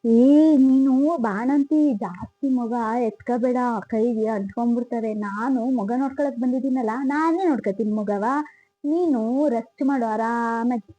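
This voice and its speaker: A woman's voice: a little high, normal speed, mellow, lightly acted, low-quality recording. A woman playing a strict, bossy old grandmother, scolding in a comedy sketch. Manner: scolding, insistent, old-fashioned advice.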